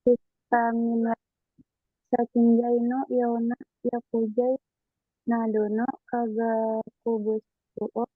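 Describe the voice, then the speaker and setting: Brief: a woman on a glitchy, breaking-up call line, halting reader, thin phone-like sound, dry. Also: fairly high pitch, no room sound. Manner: halting, stumbling over words. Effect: choppy, breaking-up video-call audio. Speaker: student. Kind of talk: reading vocabulary aloud in an online class. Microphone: video call over wifi.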